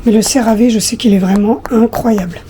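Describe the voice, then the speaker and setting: A woman in her thirties with a husky, slightly hoarse voice, chatting casually to her viewers with many hesitations. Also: fairly high pitch, fairly even intonation, a little fast, warm tone, slight background noise. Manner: hesitant, many fillers, talks directly to viewers. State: hoarse after flu, coughing. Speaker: lifestyle vlogger.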